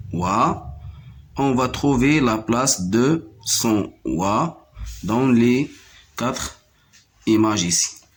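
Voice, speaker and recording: A man teaching French to young pupils, repeating each word several times and counting its syllables aloud. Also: medium pitch. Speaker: primary school French teacher. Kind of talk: slow classroom reading lesson.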